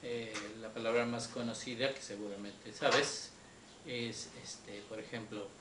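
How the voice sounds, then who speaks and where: Slow, patient male Hebrew teacher. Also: medium pitch, steady tone. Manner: slow, patient, checks in with students often. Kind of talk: explaining a Torah class. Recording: echoey room with faint noise.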